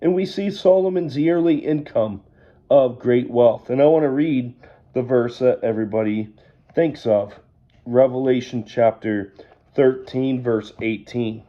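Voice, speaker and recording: Very dark-voiced man teaching Bible study. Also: mid-range voice, muffled recording. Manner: measured, reads scripture aloud then explains. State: losing his voice.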